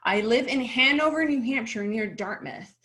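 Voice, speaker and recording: A woman's voice: a little high, a bit bright. Upbeat chatty woman from Chile. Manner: upbeat, chatty, laughs easily, some slow emphatic stretches. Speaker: panelist, company founder. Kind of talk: casual video-call panel talk.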